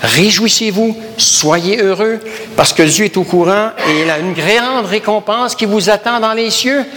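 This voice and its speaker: A man's voice: high voice, measured pace, a bit bright, big-room sound, slight background noise. A man from Canada with a Québécois accent, preaching a sermon emphatically and repeating phrases, addressing the congregation as brothers and sisters. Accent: Québécois French. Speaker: pastor.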